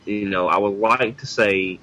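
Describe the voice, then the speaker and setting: Deep-voiced, reflective man in his forties. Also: fairly even intonation, measured pace, pushed and bright, a little hiss or hum, rough recording. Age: 40s. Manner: reflective and hesitant. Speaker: guest. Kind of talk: casual group chat.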